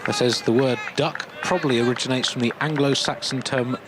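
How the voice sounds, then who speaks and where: A man's voice: medium pitch, fairly even intonation, fairly quick. A man on a cricket broadcast team, talking in casual commentary-box chat. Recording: outdoor ground noise behind voice.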